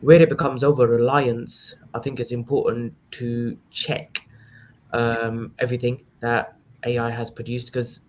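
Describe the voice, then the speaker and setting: A man gives a professional panel answer in an even, little-varying tone. His phrasing is measured and hesitant, and there is faint background noise on the recording. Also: medium pitch.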